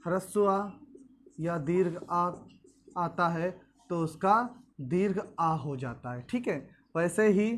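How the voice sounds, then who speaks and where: A male teacher explaining grammar rules step by step, asking questions aloud and answering them himself. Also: high voice. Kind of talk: classroom grammar lesson.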